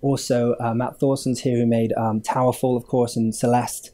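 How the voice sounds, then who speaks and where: A man born in Hong Kong who owns a game studio chats casually as a podcast guest, rambling with many fillers and chuckles mid-sentence. His medium-pitched voice is dark in tone, shows little pitch movement, and moves at a normal speed.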